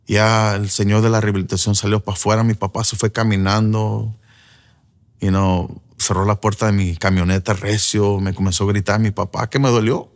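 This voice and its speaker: A man's voice: lowish voice, level tone, normal speed. A man giving an earnest personal testimony as a preacher, slipping in English fillers. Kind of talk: emotional first-person testimony.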